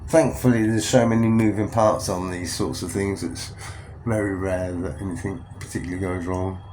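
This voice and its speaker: A deep, steady, slightly mellow voice at normal speed comes from a congested, sniffling man from England. Casually narrating a travel vlog from a nighttime Ferris wheel cabin, he rambles and corrects himself, with slight noise in the background.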